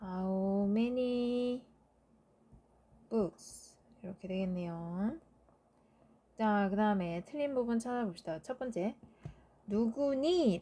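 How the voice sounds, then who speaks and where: A woman's voice: medium pitch, mellow. A woman teacher going through English grammar exercises in a lecture, checking understanding with short tag questions. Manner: slow, explanatory, checks with "그쵸?". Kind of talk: lecture explaining grammar answers.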